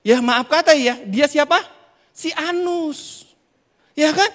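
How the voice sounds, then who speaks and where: A male preacher giving a sermon, telling a lively story and talking directly to the congregation. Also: very high voice, slow pace. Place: church hall. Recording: reverberant church hall.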